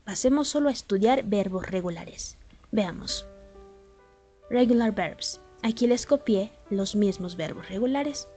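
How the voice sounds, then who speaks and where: A woman English teacher, native in Spanish, walks through grammar rules one step at a time and checks understanding with quick rhetorical questions. Her voice sits a little high but sounds mellow and soft-edged. Faint music plays behind her. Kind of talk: classroom lesson explaining grammar rules.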